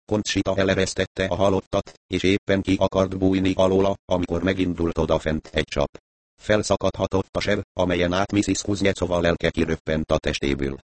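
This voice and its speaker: A man reading a story aloud as audiobook narrator, with a measured, steady storytelling delivery. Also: low voice, no room sound. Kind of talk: scripted narration.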